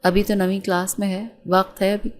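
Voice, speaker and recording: A woman voicing a middle-aged father who speaks calmly and a little hesitantly. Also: mid-range voice, lightly acted. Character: mild-mannered father, middle-aged man.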